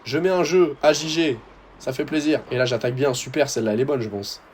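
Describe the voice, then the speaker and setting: A young man with a French accent talks over footage of his own tennis match in a loose, slangy way. He addresses his viewers directly, swinging between excitement and frustration in an easy, chatty voice-over. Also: medium pitch, fast talker, a little hiss or hum. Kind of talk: casual voice-over commentary.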